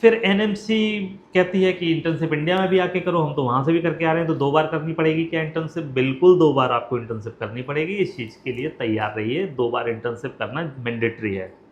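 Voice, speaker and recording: A man's voice: a little high, a little fast. A man explaining things directly to students and parents, asking common questions and answering them plainly. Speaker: education consultant. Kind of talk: explanatory talk to camera. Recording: roomy, dull lo-fi sound with faint hiss.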